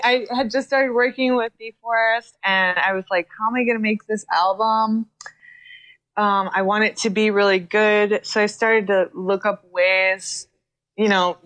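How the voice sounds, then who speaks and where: Laughing, casual woman singer chatting. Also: mid-range voice. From Chicago area. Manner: lively, laughs often, uses many fillers. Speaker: singer-songwriter guest. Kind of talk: casual interview chat.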